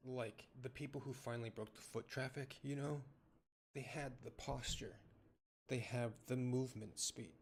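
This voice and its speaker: A man streaming from home, ranting in a rambling, loud way with swearing and restarts. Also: medium pitch, a little hiss or hum. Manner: says he talks loud. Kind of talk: casual ranting commentary. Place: home room with a cat.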